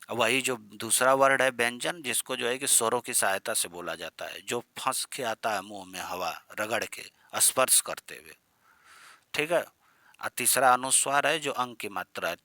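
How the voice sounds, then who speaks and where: Bright-voiced male teacher, chatty lesson. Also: medium pitch, dry recording. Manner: chatty, addresses students as "beta" and "yaar". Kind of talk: exam-prep grammar lesson.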